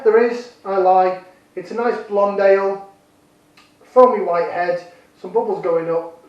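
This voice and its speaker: Man, jokey beer reviewer, high-pitched, sounds set back from the mic. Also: a little mellow, heavy reverb, recorded from a distance, muffled recording. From Yorkshire, England. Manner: chatty, jokey, self-deprecating. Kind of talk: casual vlog review.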